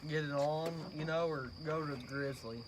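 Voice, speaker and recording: A man in his early twenties talks with chewing tobacco in his lip, in a slightly high male voice. He is blunt, emphatic and sweary, like a casual amateur reviewer. The recording has clear background noise with chirping insects. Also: fairly even intonation, moderate pace. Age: early 20s. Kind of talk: casual chat, profane.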